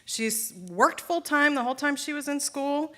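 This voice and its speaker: A woman's voice: high voice, normal speed, a bit bright. A woman teacher introducing a graduate at a graduation ceremony, in an informal and chatty way. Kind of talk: graduation speech.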